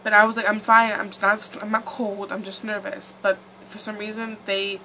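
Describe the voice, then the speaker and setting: A young woman chats through her storytime, rambling and filling gaps with "like" and "um". Her voice is bright and clear, with a faint background hum. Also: medium pitch, little pitch movement, moderate pace, rough recording. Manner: chatty, rambling, lots of "like" and "um". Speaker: vlogger. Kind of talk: casual storytime.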